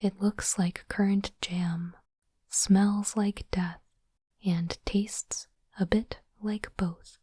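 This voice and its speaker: Close to a dry microphone, an ASMR host unboxes trading cards, reading each one and remarking on it in slow, short whispered phrases. Her whisper is gentle, breathy, and unvoiced, medium in pitch and steady in tone. There's no echo.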